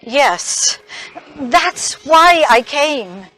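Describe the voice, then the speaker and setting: An actress playing a gentle, hesitant older woman in a stage play, stammering softly as she offers comfort. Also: high-pitched, sing-song, extremely slow, heavily acted, rough recording. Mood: tentative. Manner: hesitant, stammering, soft-spoken.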